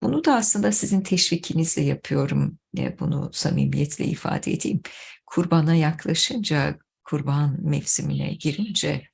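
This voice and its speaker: Low, gravelly-voiced woman giving a religious talk. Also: a little mellow. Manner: measured, earnest address to followers. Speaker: religious teacher.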